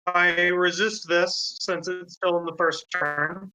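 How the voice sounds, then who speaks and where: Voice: medium pitch, flat delivery, slow. A player in a tabletop game over an online call, talking through a breaking-up stream that makes the voice glitch and sound robotic, hesitating and restarting while working out damage. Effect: glitchy, robotic voice from a dropping online call stream. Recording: dull lo-fi online call audio.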